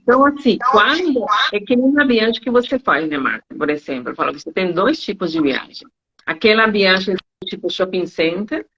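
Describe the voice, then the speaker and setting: A woman, a Spanish teacher and travel agent, talking in an interview and telling anecdotes in an animated way, acting out her students' lines. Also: normal speed, breathy edge. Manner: animated storytelling, acts out students' lines in high voices. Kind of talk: interview conversation. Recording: dull lo-fi sound.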